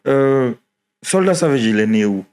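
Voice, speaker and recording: A man's voice: mid-range voice, animated, unhurried, darkish tone, clear, resonant tone. A man hosting an interview, asking casual questions with short laid-back acknowledgements. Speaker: interview host.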